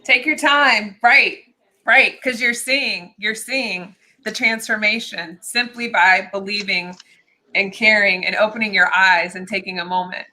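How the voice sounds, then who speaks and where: A woman's voice: medium pitch, steady tone, a little slow, pushed and bright, low-quality recording. A woman hosting an interview show who speaks in an upbeat, encouraging and gushing way. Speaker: talk show host.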